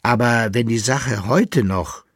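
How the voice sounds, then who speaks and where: A man's voice: medium pitch, slow, no room sound, studio quality, pitched above the performer's own voice. A man doing a flustered young officer. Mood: earnest. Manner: earnest and easily flustered.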